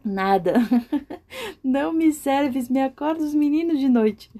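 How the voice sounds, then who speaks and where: Fussy little cockroach bride, dismissive, giggly, mellow voice, as a woman storyteller puts her on. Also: high voice, lively intonation, slow pace, heavily acted. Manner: picky, dismissive, breaks into laughter. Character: fussy female cockroach choosing a husband.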